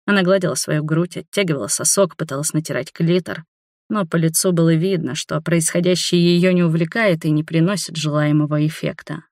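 Audiobook reader, first-person narration, measured, steady, mid pitch, dry close sound. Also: no echo.

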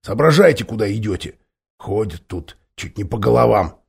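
A man's voice: lively intonation, normal speed, vocal fry, husky, heavily acted. A man voicing a stubborn, scornful male dwarf in a storybook reading, snapping and grumbling. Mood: scornful, grumpy. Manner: snapping, shrill when outraged.

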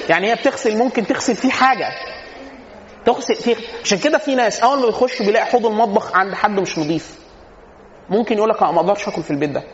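An Egyptian man gives a casual religious lecture on family life, talking fast in a fairly high voice and answering his own rhetorical questions with humor. He is heard through a dull, lo-fi recording with a long echo, as if in a large hall. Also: a little hiss or hum. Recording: echoey hall, dull lo-fi sound.

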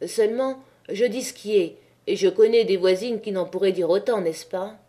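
A woman's voice: mid-range voice, fairly even intonation, normal speed, warm tone, natural voice. A woman reading an audiobook, voicing a stern, blunt miner's wife of about forty who speaks frankly and unyieldingly.

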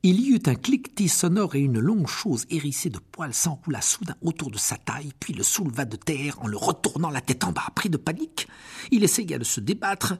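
A man's voice: on the high side, sing-song, a little fast, a little mellow, slightly rough. A man narrating a fantasy audiobook dramatically, often dropping to a whisper. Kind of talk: expressive audiobook reading.

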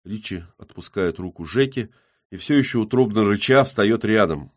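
A man's voice: on the low side, expressive, moderate pace. A man reading a first-person audiobook with gritty, tense storytelling. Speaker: audiobook narrator.

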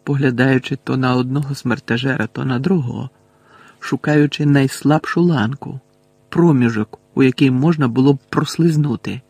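A male audiobook narrator tells the story in a steady, measured way. His voice is gravelly and somewhat husky, and it sits dry and close to the mic with no room around it. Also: medium pitch, dry recording.

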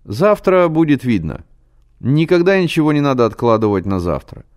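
A man's voice: mid-range voice, big pitch swings, normal speed, a little mellow, pitched above the performer's own voice, close to an everyday voice. A man reading a storybook, voicing a cocky streetwise boy in a raised, pushy voice.

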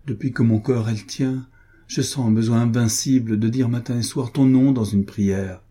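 A man's voice: medium pitch, steady tone, moderate pace, mellow, slightly rough, close to an everyday voice. A man voicing a young, devout duchess in love, in a pleading, earnest tone. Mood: pleading tender.

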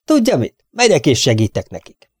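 An excitable little old nobleman, fussy and eager, bursting into high exclamations, as a male reader puts him on. The audiobook sound is dry and close. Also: husky, dry recording, heavily acted. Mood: excited. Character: small eager elderly English lord, fussy.

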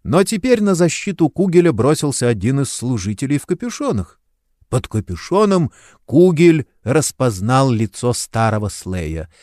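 Male audiobook narrator, mid pitch, steady, dry studio. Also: normal speed, no room sound. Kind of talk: scripted narration.

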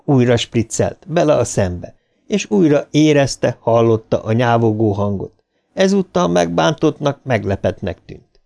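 A man reading a horror novel aloud as an audiobook narrator, with dramatic lifts of pitch at tense moments. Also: expressive, creaky, a little mellow.

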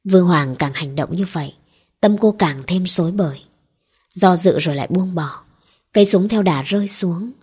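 A woman's voice: on the low side, moderate pace, a little mellow, breathy edge. A woman narrating a romance novel as an audiobook, reading steadily.

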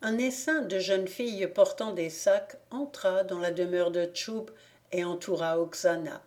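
A woman reads a classic tale aloud as an audiobook narrator. Her delivery is measured and unhurried, with a mellow, rather low tone. Every phrase is given room to settle. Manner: measured, even reading. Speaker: audiobook reader.

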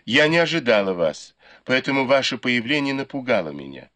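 A man voicing a gentle, patient young maid who speaks quietly and politely. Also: mid-range voice, very animated, fairly quick. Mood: soft, deferential.

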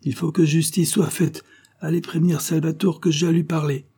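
A man's voice: a little high, level tone, moderate pace, creaky, mellow, breathy edge, voice pushed up. A man reading a storybook, voicing a stern aging prince who gives severe commands.

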